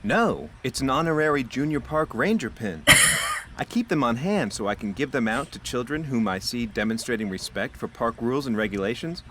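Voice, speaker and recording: A man's voice: medium pitch, lively intonation, normal speed, background noise, lightly acted. An actor voicing a dutiful, politely formal male park ranger in a video game. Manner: polite, formal, slightly self-important.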